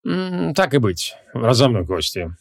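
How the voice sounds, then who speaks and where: An arrogant ancient male mage, voiced by a male reader speaks a little lower than the narration, in a dry, dismissive drawl. He sounds condescending and sure of himself, a grumpy wizard in a comic fantasy audiobook. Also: animated, fairly quick.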